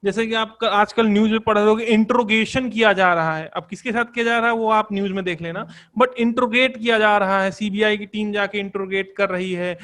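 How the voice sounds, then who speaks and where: एक पुरुष अंग्रेज़ी व्याकरण शिक्षक जो हिंदी में धैर्य से समझाता है, शब्द दोहराता है, छात्रों से सवाल पूछता है और अंग्रेज़ी शब्द हिंदी लहजे में बोलता है।. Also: male voice, high-pitched, fairly even intonation, brisk, hardly any pauses, fairly bright tone. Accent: Hindi-accented English words. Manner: explains patiently, repeats terms and asks the class questions. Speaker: English grammar teacher. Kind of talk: online classroom lesson.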